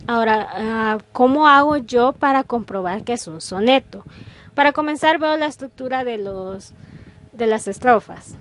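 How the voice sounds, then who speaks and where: A woman's voice: on the high side, lively intonation, unhurried. A woman teacher explaining a school lesson, patient and careful, working through each example step by step over her slides.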